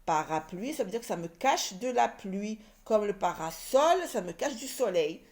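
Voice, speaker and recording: A woman with a mid-range, darkish voice and big pitch swings leads a reading lesson for young children at a moderate pace. As a primary school teacher, she breaks words into syllables and repeats them.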